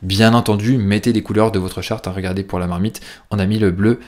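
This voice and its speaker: A man with a French accent hosting a casual software tutorial, chatty and full of fillers as he walks through settings. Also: fairly low pitch, brisk. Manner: chatty, lively, with frequent fillers. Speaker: host of a plugin tutorial show. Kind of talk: casual screen-share tutorial.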